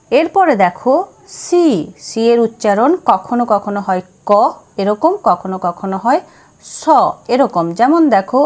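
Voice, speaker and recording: Slow, high-voiced woman teaching phonics. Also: darkish tone. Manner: slow, spelling letters out one by one. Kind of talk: phonics lesson.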